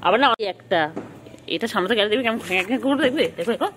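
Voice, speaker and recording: A woman's voice: a little high, lively intonation, very fast, fairly bright tone, a little hiss or hum. A woman filming cats on an empty street at night, chatting casually and coaxing them with affectionate, repetitive baby talk.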